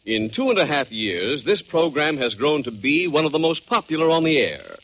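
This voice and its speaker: A man's voice: fairly high pitch, very animated, normal speed, highs cut off, over loud music. A man giving formal, emphatic sponsor announcements in 1950s radio style, heard from an old broadcast disc transcription.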